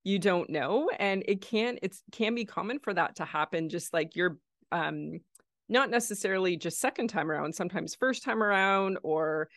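A woman's voice: mid-range voice, moderate pace, fairly bright tone, no room sound, studio quality. A woman hosting a podcast interview, thanking her guest and summarizing her story in a supportive, affirming way. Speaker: podcast host.

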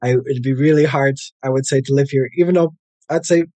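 An American man from the United States, a native English speaker, appears as a guest in a casual interview; he works as an English language coach. His medium-pitched voice moves a little fast, relaxed and chatty, full of "like" and "uh" fillers. The sound is dry and close, with no echo.

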